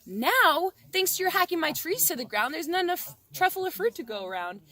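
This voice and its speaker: A woman's voice: very high-pitched, big pitch swings, fairly quick, bright, forceful tone, voice pushed up, full character voice. A woman voicing an indignant old forest creature from a storybook, scolding and pleading in rhyme recited by rote. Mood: indignant, sorrowful.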